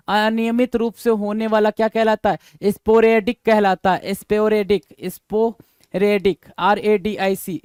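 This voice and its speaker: A man's voice: high voice, darkish tone, smooth, dry recording. A man teaching an exam-prep vocabulary lesson, repeating each word, spelling it out letter by letter and checking in with students through rhetorical questions.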